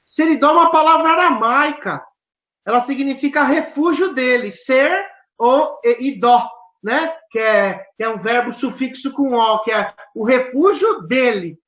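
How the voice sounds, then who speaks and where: A woman's voice: high voice, lively intonation, measured pace, a bit bright. A woman from southern Brazil with a southern Brazilian accent, telling stories animatedly and acting out quoted dialogue with emphatic questions. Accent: southern Brazilian Portuguese. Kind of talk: animated storytelling conversation. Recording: roomy, dull lo-fi sound.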